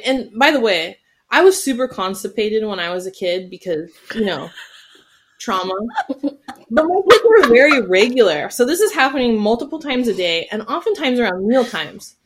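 A middle-aged woman co-hosting a podcast, telling a story in a joking, animated way. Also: a little high, normal speed. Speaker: podcast co-host. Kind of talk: casual chat.

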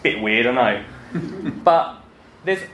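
A man's voice: mid-range voice, animated, slow, fairly bright tone. A man with an Essex accent gives an informal, joking, self-deprecating talk to an audience as a gardening podcaster. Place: indoor talk before an audience, roomy space. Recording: echoey room with some background noise.

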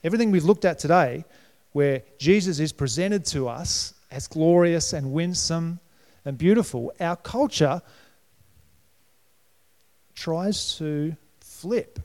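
A middle-aged pastor from New South Wales, Australia, delivers a sermon in a chatty, expressive style, his gravelly voice pitched slightly high for a man. He speaks slowly, pauses often, and every so often lifts suddenly in pitch and volume. A long reverb from the church hall trails each phrase.

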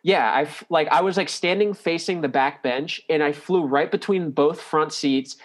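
A man's voice: fairly high pitch, normal speed. A man casually retelling an old road story, rambling and full of "like" fillers as he corrects himself mid-sentence. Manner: rambling, heavy use of "like", self-correcting.

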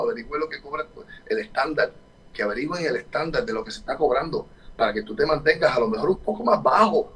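A man's voice: medium pitch, distant mic, a little hiss or hum, low-quality recording. Man speaking emphatically, off-mic. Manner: emphatic, repeats points, frequent fillers. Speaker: photographer and workshop teacher, guest. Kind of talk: casual interview talk.

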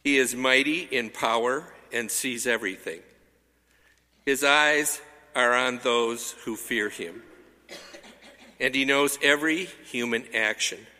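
A man reading scripture aloud as a lector in a slow, measured way, his voice ringing with cathedral echo. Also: mid-range voice, pushed and bright. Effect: cathedral echo, long church reverb. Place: large church. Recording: reverberant church hall.

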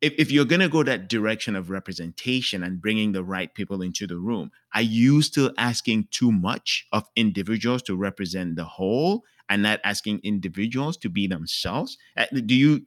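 A man's voice: fairly low pitch, expressive, normal speed, few pauses, a bit bright, no room sound, clean studio sound. A man from Cameroon in a casual panel discussion, asking earnest, probing questions.

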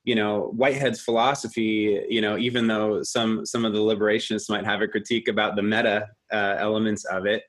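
A man's voice: lowish voice, flat delivery, fairly quick, hardly any pauses, fairly bright tone. A man hosting a talk, asking a long question with many restarts and fillers. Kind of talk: interview question.

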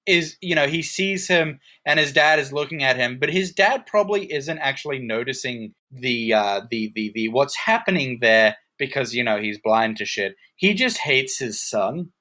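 A woman's voice: rumbling low, animated, moderate pace, hardly any pauses, pushed and bright. A woman co-hosting a podcast, chatting about a movie in a wry way and laughing often. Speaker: podcast co-host. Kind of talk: casual movie discussion.

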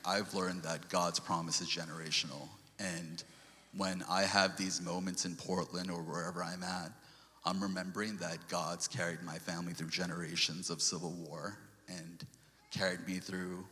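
This Sri Lankan man has a deep, slightly bright voice, and a long reverb tail trails his words. As a lay speaker giving an earnest church testimony, he cites scripture and keeps stumbling into restarts.

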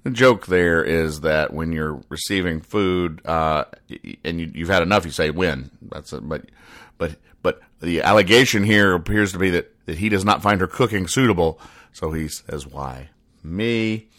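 Hosting a comedy commentary podcast, this man speaks in a deep, low-pitched voice, deadpan and pedantic. He halts along, spelling out each point with far more detail than needed.

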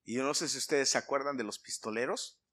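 A man preaching a sermon to his congregation, speaking with emphatic swings in volume and clearing his throat often. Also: mid-range voice, fast talker, fairly bright tone. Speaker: pastor.

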